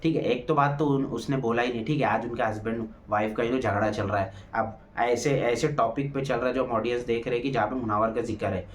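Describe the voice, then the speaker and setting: A man talks through a reality show episode in a lively, conversational way. He fires off rhetorical questions and leans on the same little filler again and again. A faint hiss of background noise sits under his mid-pitched voice. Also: brisk, few pauses. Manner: animated, acts out quoted lines in raised voice. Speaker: show reviewer. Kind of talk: casual spoken episode review.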